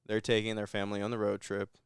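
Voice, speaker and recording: A man's voice: on the low side, monotone, fast, gravelly, smooth, no room sound, studio quality. A man co-hosting a podcast, giving a rambling, laid-back recap of a movie in casual chat with chuckles. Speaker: podcast co-host.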